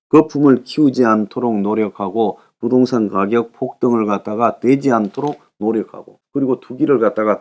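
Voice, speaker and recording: A middle-aged man hosting a news briefing, delivering an emphatic monologue of political commentary and repeating his points. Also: medium pitch. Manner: emphatic, repeats points, often starts sentences with "자".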